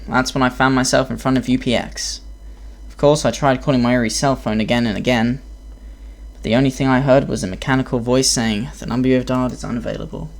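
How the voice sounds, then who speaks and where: A man's voice: mid-range voice, steady tone, fairly quick. A man streaming a game who reads visual novel text aloud and breaks off into muttered asides, while feeling sick.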